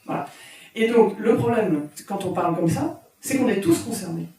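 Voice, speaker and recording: A woman giving a conference talk as an author, halting and often repeating her words. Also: mid-range voice, lively intonation, dark tone. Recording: very echoey room from far off.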